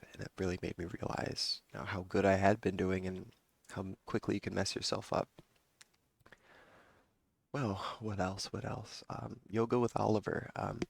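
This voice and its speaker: A man's voice: low-pitched, vocal fry, no echo. A man giving a casual rambling update to his viewers, with many fillers and restarts. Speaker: vlogger and yoga teacher.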